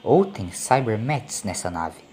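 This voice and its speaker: Man voicing the Doctor, calm, commanding. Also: lowish voice, slow, heavily acted. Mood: grave. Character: calm, commanding male time-travelling doctor, quietly grave. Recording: clear background noise.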